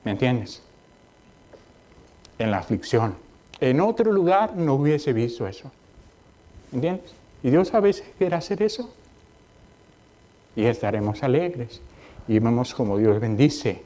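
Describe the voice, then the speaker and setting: A man's voice: sing-song, unhurried, long pauses. A male pastor preaching a sermon in a conversational style, mixing personal stories with exhortation and often asking his listeners if they understand. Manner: rises high and loud in exhortation, drops quiet in storytelling. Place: church sanctuary.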